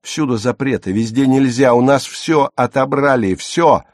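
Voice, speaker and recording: A man reading an audiobook, voicing a hot-headed, bitter teenage boy in loud angry tirades. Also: fairly low pitch, unhurried, no room sound, clean studio sound. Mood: furious.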